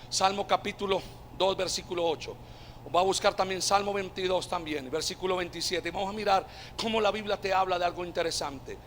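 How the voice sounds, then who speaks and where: A Colombian man preaching a sermon, calling out to the congregation and rising to shouted climaxes. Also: high-pitched, in a large hall, a little hiss or hum. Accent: Colombian Spanish. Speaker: pastor.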